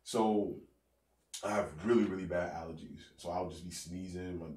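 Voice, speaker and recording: A podcast host from North New Jersey chats casually in a laid-back, slangy, rambling way full of fillers, a bit congested and sniffling from allergies. His voice sits low with a steady, darkish tone at a moderate pace, recorded from a distance in a roomy-sounding space.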